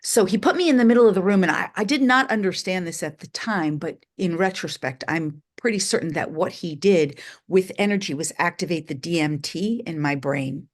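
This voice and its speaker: A woman's voice: lowish voice, moderate pace, few pauses. A middle-aged woman from New York, a spiritual teacher telling her life story candidly and with animation in an interview.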